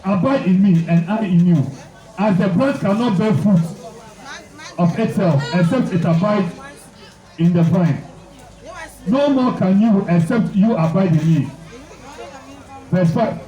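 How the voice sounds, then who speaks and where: A man's voice: sits high, measured pace, long pauses, dark tone, echoey room, recorded from a distance, lo-fi sound, some chatter behind. A man preaching a sermon, praying blessings and reading scripture aloud with repeated phrases for emphasis.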